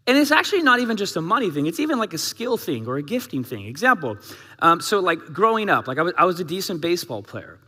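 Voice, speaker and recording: This sermon comes from a fast-talking male pastor whose voice is high and bright, echoing with long reverb through a big church hall. He speaks in a lively, chatty way and fires rhetorical questions at his listeners.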